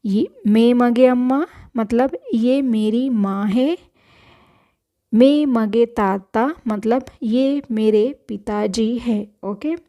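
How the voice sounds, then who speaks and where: A woman's voice: a little high, extremely slow, warm tone. A woman teaching a spoken language lesson, patiently repeating each word and correcting pronunciation.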